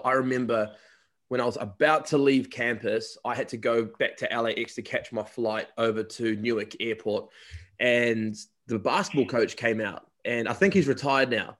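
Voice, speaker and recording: Chatty New Zealand man interviewing. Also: mid-range voice. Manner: chatty storyteller. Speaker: interviewer, college recruiter. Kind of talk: casual interview.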